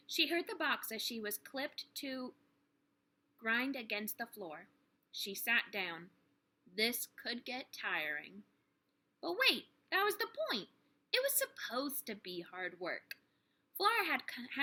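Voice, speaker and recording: A teacher reads a children's book aloud, her voice on the high side, bright and forceful. She performs it expressively for young listeners, with dramatic, emphatic phrasing.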